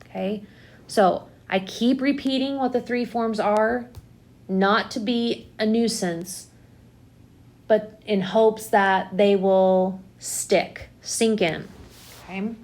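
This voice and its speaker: A woman's voice: medium pitch, fairly even intonation, takes it slowly, a little mellow. A woman math teacher giving a recorded lesson, tired and yawning, speaking frankly and repeating key points. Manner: frank, repeats herself for emphasis.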